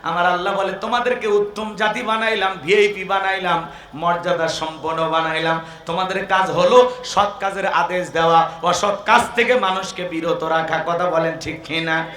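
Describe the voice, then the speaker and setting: A man preaching a comic sermon to a crowd, joking, asking the listeners questions and breaking into shouts and chanting. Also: high-pitched, steady tone, normal speed, reverberant. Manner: jokey, quizzes the crowd, bursts into shouts and chanting.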